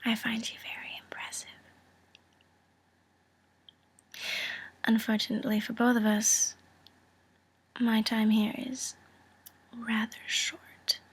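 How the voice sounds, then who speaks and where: A woman playing a cool, calculating female mobster in a whispered role-play, breathy, teasing and condescending, delivering a friendly threat. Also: on the high side, little pitch movement, measured pace, full character voice. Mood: amused, flattering.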